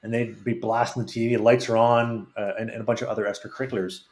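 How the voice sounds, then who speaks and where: Man, podcast guest, casual rambling anecdotes, rapid talk, echoey room sound. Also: mid-range voice, level tone, darkish tone. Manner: rambling, frank anecdotes with many restarts. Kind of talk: casual storytelling. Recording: roomy echo.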